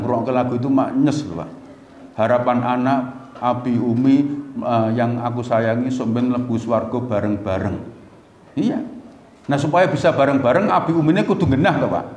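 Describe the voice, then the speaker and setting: A middle-aged man with a Javanese accent giving a humorous mosque sermon, telling stories lively and jumping to high excited voices when quoting. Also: a little hiss or hum. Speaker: Islamic preacher and lecturer. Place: large mosque hall. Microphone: stand mic at lectern. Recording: echoey mosque hall, faint ambience.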